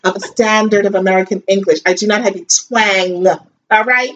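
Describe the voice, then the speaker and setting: On a distant, dull recording with faint hiss, a woman co-host with a New York accent chats about a reality show at normal speed in a medium-pitched voice. Her manner is animated, blunt and full of swearing.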